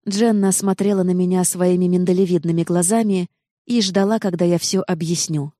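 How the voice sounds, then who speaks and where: A woman giving a steady, expressive first-person reading of a novel. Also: lowish voice, moderate pace, no echo, studio quality. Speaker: narrator. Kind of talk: first-person audiobook narration.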